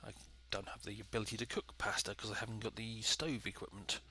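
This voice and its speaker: A man narrates his gaming casually, rambling through his choices as he thinks aloud. His voice is on the low side with a bright, forward edge, thick and nasal from a head cold. There is noticeable noise behind him. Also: level tone, fast. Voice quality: nasal, congested. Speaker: gaming video host. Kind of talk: casual let's play commentary.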